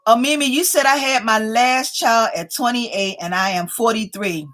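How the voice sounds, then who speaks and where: At a moderate pace and with a fairly high, somewhat bright voice, a woman in her fifties runs a casual livestream. She playfully chats, reads comments out loud, and keeps saying "y'all" to her viewers.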